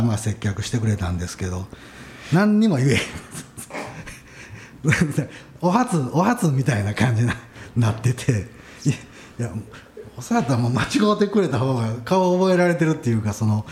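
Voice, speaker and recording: A man's voice: mid-range voice, a little fast. A man with a Kansai accent telling a casual story in a podcast chat, acting out the people he quotes. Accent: Kansai Japanese. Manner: relaxed anecdote telling, acts out quoted voices. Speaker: podcast co-host.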